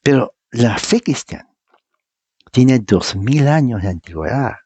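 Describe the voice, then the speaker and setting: A man's voice: lowish voice, darkish tone, husky, no room sound. A man preaching an informal teaching sermon in an emphatic, argumentative way, often repeating his points. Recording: dull, muffled dry sound.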